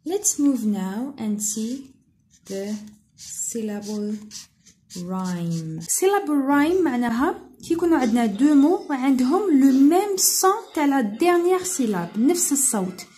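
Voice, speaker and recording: An Algerian woman teaching pronunciation, speaking slowly and deliberately as she repeats each word. Her voice is soft and mellow, pitched a little high. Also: lively intonation. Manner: slow, drawn-out word-by-word drilling. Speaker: English teacher. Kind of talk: explaining English pronunciation in Algerian Arabic and French.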